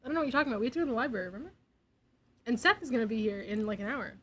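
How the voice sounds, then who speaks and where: A woman's voice: on the high side, lively intonation, rapid-fire, a bit bright, slight background noise, poor audio. Chatty young woman streamer. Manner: chatty, giggly, drops to a near whisper at times. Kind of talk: casual stream chat. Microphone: desk mic.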